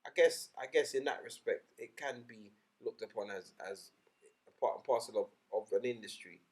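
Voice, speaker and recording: A man co-hosting a casual podcast chat, animated and emphatic, often swearing. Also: mid-range voice, moderate pace, breathy edge. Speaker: podcast co-host.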